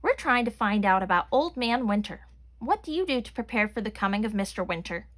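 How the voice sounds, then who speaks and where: A polite little fox cub asks questions in a plain, curious voice, as a woman reads him. It is a gentle storybook animal. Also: a little high, sing-song, a little fast.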